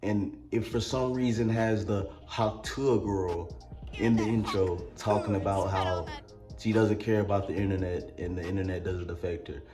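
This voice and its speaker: A man with a Mississippi drawl rambles through a comedic album review, tossing in crude jokes. His voice sits fairly low and rings in a roomy, echoey space. Faint music plays behind him. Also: steady tone, moderate pace, warm tone. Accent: Mississippi Southern US. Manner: rambling, crude joking asides.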